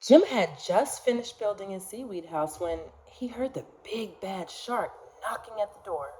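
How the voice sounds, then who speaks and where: A woman reads a children's storybook aloud, telling the story in an expressive, deliberate way. Her voice is medium-pitched, with slight background noise.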